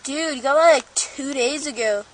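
A teenage boy yelling in mock panic while goofing around on a home video. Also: extremely high pitch, moderate pace, distant mic. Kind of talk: goofy home video play-acting. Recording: loud noisy home camcorder audio, off-mic.

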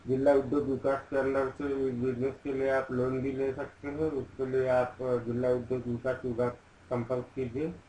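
Male voice-over narrator, chatty explainer, monotone delivery, echoey room. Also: mid-range voice, normal speed, slight background noise. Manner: conversational, with fillers and restarts. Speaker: business video narrator.

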